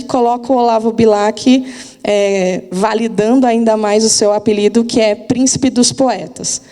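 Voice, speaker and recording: A woman's voice: on the high side, mellow, long reverb tail. A literature teacher, giving a casual, chatty lesson and often asking her students if they are following. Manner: chatty, informal, asks listeners for agreement.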